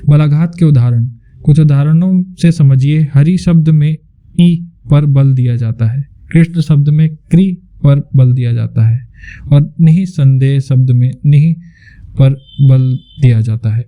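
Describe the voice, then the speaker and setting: A man narrating a scripted lesson as a teacher, explaining in a clear, measured way. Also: medium pitch, dark tone.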